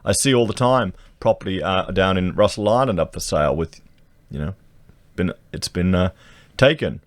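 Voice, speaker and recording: A man's voice: low-pitched, normal speed, no room sound. An Australian man, a vlogger, reading news items aloud and breaking off into indignant commentary with slang and rhetorical questions. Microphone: podcast microphone.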